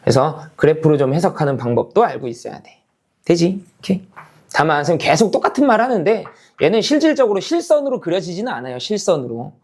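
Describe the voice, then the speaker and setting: A man's voice: on the high side, sing-song, fast, a little mellow. A man teaching a math lesson, explaining step by step, repeating key points and constantly checking that the class follows, switching between casual and polite speech. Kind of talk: lecture to students.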